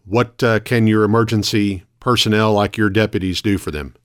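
A man hosting a local radio morning show, reading news announcements in a measured, orderly way from a studio. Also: fairly low pitch, steady tone. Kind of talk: radio news announcing of weather, closings and notices.

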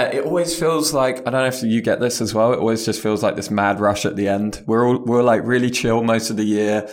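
British male podcast co-host, lowish voice, chatty and self-deprecating, heavy room echo from a conference room. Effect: roomy echo on the voice. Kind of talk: casual podcast chat.

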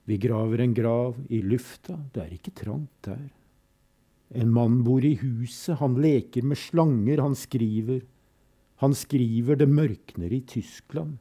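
Deep gravelly man reading poems solemnly. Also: warm tone. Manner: slow, solemn recitation with long pauses. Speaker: poetry reader and commentator. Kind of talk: reading poems aloud with brief commentary.

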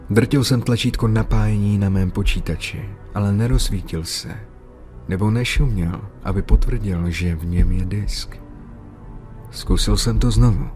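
A man's voice: lowish voice, a little mellow. A man narrating a scripted horror story, occasionally raising his voice for the characters' lines. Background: faint music.

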